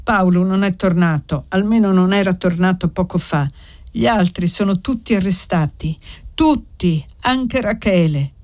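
A woman's voice: fairly low pitch, measured pace, a little mellow, natural voice. A woman doing an anxious older village woman.

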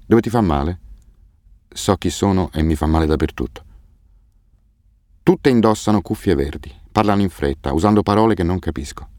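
A man reading a first-person novel aloud as an audiobook narrator, in a grave, measured way. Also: sits low, a little mellow, no room sound, clean studio sound. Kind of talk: scripted narration.

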